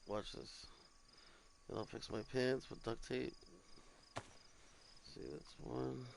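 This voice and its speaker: A man's voice: mid-range voice, creaky, slight background noise. A man talking casually through a survival game, sounding tired and rambling, with casual swearing. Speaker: gamer streaming survival gameplay. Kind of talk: casual gameplay commentary. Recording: loud game ambience of crickets and animals.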